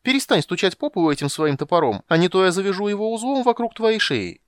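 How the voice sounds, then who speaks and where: A man voicing a small mischievous male kender who chatters in a shrill, giggly, cheeky manner. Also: big pitch swings, fast talker, clear, resonant tone, no room sound, clean studio sound.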